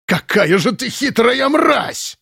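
A drunken male camp commandant in an audiobook, bellowing and ranting in a raised, strained voice, as a male reader acts him out. He bullies and raves in furious outbursts that swing up high. The sound is dry and close. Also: sing-song, drawn-out words, gravelly, no echo, full character voice. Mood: raging. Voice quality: shrill, furious shouting. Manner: ranting, unhinged, bullying. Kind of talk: audiobook character reading.

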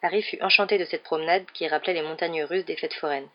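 A woman narrating an audiobook in a steady, measured storytelling voice. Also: sits low, dull audio.

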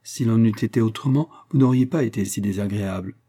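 A man's voice: on the low side, fairly quick, dark tone, husky. A man voicing a witty, self-assured young heiress in an audiobook reading, teasing and ironic.

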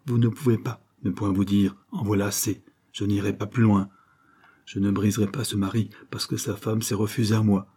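A man's voice: fairly low pitch, mellow, slightly rough. A man reading aloud voices a proud, desperate countess defending her husband and children, pleading with dignity.

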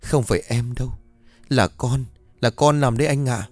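A man's voice: medium pitch, moderate pace, no room sound, faint music behind, natural voice. A man voicing a terrified weeping young mother. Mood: frightened. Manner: whimpering, begging. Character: frightened young mother, tearful and pleading.

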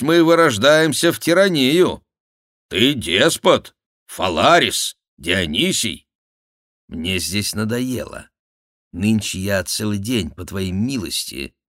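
A man reading an audiobook, voicing a cheeky, theatrical court jester with a high mocking voice. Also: a bit bright, dry recording, clean studio sound, exaggerated voice. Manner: mocking, shrill exclamations, mimicking. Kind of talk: audiobook character voice.

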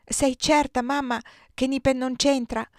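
A woman's voice: sits high, fairly even intonation, unhurried, no echo, studio quality, pitched above the performer's own voice. A woman reading the lines of an anxious young girl in an audiobook. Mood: wondering.

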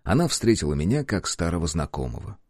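A man narrating an audiobook in the first person, with expressive storytelling. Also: deep voice, quick pace, no room sound, clean studio sound.

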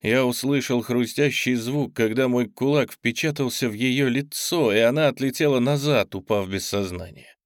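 A man narrating an audiobook in an even, measured reading voice. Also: medium pitch, no room sound, clean studio sound.

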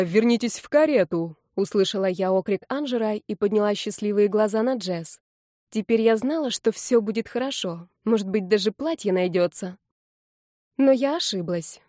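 A woman reading a first-person fantasy audiobook in a lively, wry storytelling manner. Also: mid-range voice, no room sound, studio quality.

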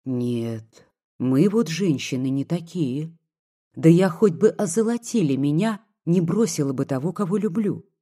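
An audiobook reader voices a young peasant woman, devoted and tearful, who pleads softly and earnestly. Her mid-range voice is dark, mellow and slightly husky, expressive and a little slow, like a quiet storybook reading.

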